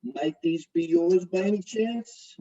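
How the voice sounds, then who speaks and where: An actor playing a brash, crude, middle-aged mobster-type fiancé who swaggers and wisecracks in a comedy courtroom sketch. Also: male voice, sits high, unhurried, mellow, distant mic, highs cut off. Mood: swaggering. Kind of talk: comedic courtroom parody acting.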